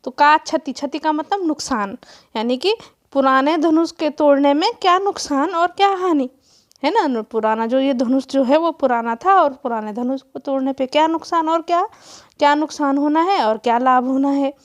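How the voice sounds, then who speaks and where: A woman teacher who chants lines of verse in a slow rhythm and then explains them line by line to students. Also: high-pitched. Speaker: Hindi teacher.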